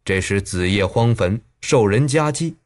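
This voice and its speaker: A man narrating a martial-arts audiobook with dramatic, animated delivery. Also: unhurried. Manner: dramatic, highly animated reading.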